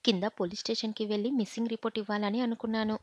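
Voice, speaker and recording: A woman's voice: a little high, level tone, very fast, no echo, lightly acted. A woman voicing a stern but caring young husband who talks insistently and pleads at times. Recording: slightly muffled audio.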